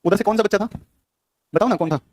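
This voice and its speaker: Rapid-fire man teaching a class. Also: high-pitched, darkish tone. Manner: quizzes students with rapid questions. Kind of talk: classroom lecture.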